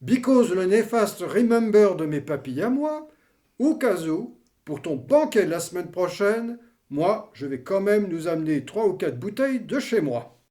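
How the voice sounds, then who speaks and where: A man's voice: sits high, big pitch swings, measured pace, warm tone. A man playing a grumbling, mocking old war veteran in a theatrical comedy, blustering in twisted colloquial slang. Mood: wary, teasing.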